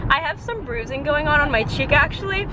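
A woman's voice: high-pitched, lively intonation, a little fast. A young American woman chatting casually to her vlog in a self-deprecating way, with a slight lisp from a sore jaw. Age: young adult. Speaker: vlogger. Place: moving car, also a busy restaurant. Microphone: handheld camera at arm's length. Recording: loud car and crowd noise. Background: road noise, restaurant chatter.

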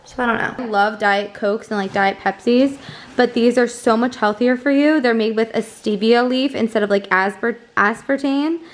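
A twenty-something woman, a student teacher, vlogs from home to her camera in a chatty, upbeat way, often saying "like." She speaks at a moderate pace in a slightly high voice.

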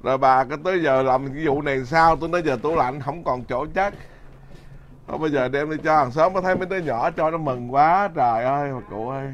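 A man's voice: a little high, quick pace, dull audio, a little hiss or hum. A man, a Buddhist monk chatting casually and teasing fondly, full of exclamations. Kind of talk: casual chat at home.

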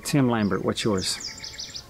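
A man's voice: lowish voice, takes it slowly, creaky, faint music behind. An actor playing a skeptical man questioning a ghost in a film drama, speaking in an incredulous, questioning way.

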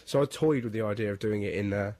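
A man hosting a radio show, a bit ill, teasing his co-host in quick jokey banter. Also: lowish voice, a little mellow, no echo.

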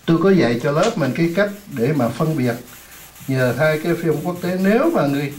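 A man teaching an English lesson in Vietnamese, repeating words slowly for a class to echo and adding chatty, joking asides. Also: fairly high pitch, expressive, darkish tone, slight background noise. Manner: drills words slowly, many times over, for the class to repeat.

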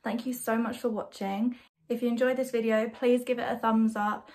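A woman's voice: on the high side, level tone, moderate pace. A young woman vlogging in a casual, chatty way, walking through a recipe with plenty of ums. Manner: chatty, filler-heavy recipe talk; soft, quiet morning talk. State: tired morning voice. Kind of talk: casual vlog chat.

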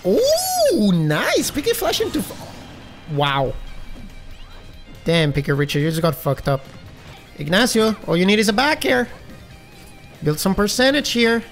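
A man streaming a game, commentating casually with an accent, excitable, gasping and shouting, swearing freely. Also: high-pitched, unhurried, long pauses, faint music behind. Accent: some accent. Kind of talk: live gaming stream commentary.

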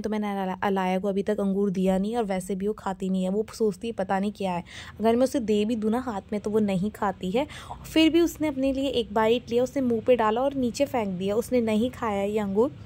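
A woman's voice: mid-range voice, mellow, a little hiss or hum. A young woman from India, a homemaker mother, chatting casually to viewers in a voice-over about her daily routine. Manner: chatty, homely, talks straight to viewers. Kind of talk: casual voice-over vlog narration.

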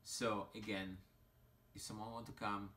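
Italian-accented man, slightly drunk, low-ish and very slow, rambling with sighs. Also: level tone, bright, forceful tone, slight background noise. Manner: slow, sighing, rambling with many fillers. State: tipsy. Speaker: mobile game vlogger. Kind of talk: casual commentary while opening game crystals.

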